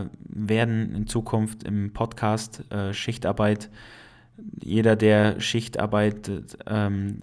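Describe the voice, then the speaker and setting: A man in his late twenties from the Allgäu region of Germany speaks with a noticeable Allgäu dialect in a smooth, somewhat low voice. Hosting a casual solo podcast, he's relaxed and chatty, hesitates often, and laughs at himself.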